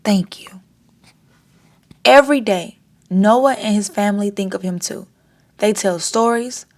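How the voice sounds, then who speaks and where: At a storytime, a woman reads a children's picture book aloud, her delivery expressive and deliberate. Her voice sits at a medium pitch.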